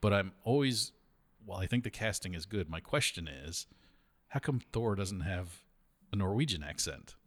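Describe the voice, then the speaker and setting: A man co-hosting a casual chat about films, chatty and quick to laugh. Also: deep voice. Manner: chatty, laughs often, lively delivery.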